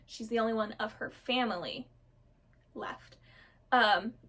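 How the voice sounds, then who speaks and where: A woman vlogger sitting on camera, chatting casually about her characters in a rushed, gushing, rambling way. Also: on the high side, a bit bright. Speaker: storyteller vlogger. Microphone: camera mic, seated on camera.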